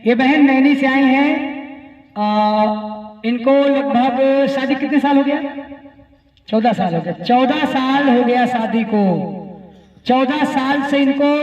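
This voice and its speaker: A man acting as a temple announcer, addressing a seated crowd through a handheld mic in a reassuring, insistent, preacherly way. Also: very high voice. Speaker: temple announcer presenting devotees. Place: large temple hall. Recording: echoey hall, distant from mic, dull sound.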